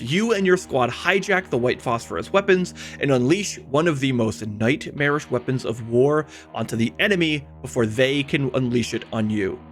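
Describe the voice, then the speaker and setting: A man with a medium-pitched voice delivers a scripted video essay about games. His phrasing is emphatic, opinionated, and conversational, with casual asides.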